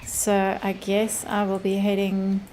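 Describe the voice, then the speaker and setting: A woman's voice: mid-range voice, completely flat delivery, takes it slowly, darkish tone, slight background noise, poor audio. A woman giving casual commentary while playing a game, muttering short asides to herself. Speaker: game player.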